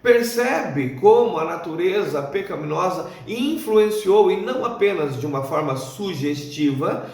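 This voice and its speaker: High-voiced preaching man, echoey room. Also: expressive, vocal fry, darkish tone, far from the mic. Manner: earnest preaching, repeats phrases for emphasis, slows on key words. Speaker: pastor. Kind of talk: sermon on marriage.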